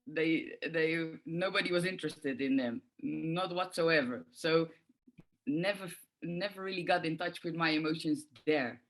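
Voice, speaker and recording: Her voice is low and unhurried: a middle-aged Dutch woman, accent audible, appearing as an interview guest on forgiveness work. She reflects thoughtfully in her answers and leans on many filler sounds.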